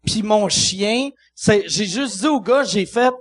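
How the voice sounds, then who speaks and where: A man's voice: high voice, animated, slow pace, breathy edge. A man with a Québécois accent, a podcast host chatting casually and joking with his guests. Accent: Québécois French. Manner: joking, chiming in with laughter. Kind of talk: casual chat.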